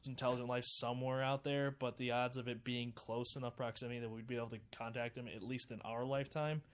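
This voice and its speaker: A man's voice: medium pitch, flat delivery, quick pace. A man co-hosting a casual podcast, joking around and rambling, restarting his sentences often. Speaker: podcast host. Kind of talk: casual chat. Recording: faint background noise.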